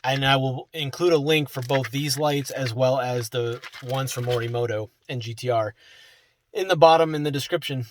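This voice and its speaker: A man's voice: mid-range voice, moderate pace, a little hiss or hum. A young man hosting a casual how-to video, explaining step by step from inside a car while working with his hands. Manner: relaxed, chatty, talks while working with hands.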